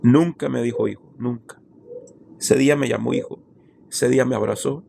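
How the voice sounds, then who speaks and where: A pastor with a gravelly, creaky voice shares a heartfelt testimony from the pulpit. He tells his story with deep feeling and keeps turning to his listeners as brothers. Faint noise sits behind him. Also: fairly even intonation, moderate pace, mellow. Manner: emotional storytelling, often addressing listeners as brother. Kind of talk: sermon testimony.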